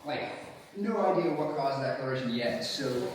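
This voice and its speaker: A man's voice: medium pitch, animated, moderate pace. A man working as a cave researcher, explaining things casually and informally. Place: inside a cave. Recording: very echoey, noisy cave.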